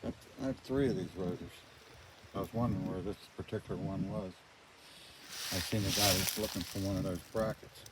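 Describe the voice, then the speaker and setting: An older man gives a plain, folksy walkaround of his own rural farm outdoors, rambling casually for his vlog. His deep voice is fairly even in intonation and a little fast. Loud ambient noise fills the outdoor recording.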